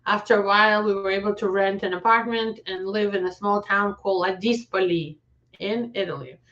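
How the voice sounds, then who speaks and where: This woman, a Ukrainian immigration lawyer in her forties, recounts her family history to the camera briskly, in a medium-pitched, slightly bright voice. She comes across as earnest and conversational, with self-corrections, and the audio is dull.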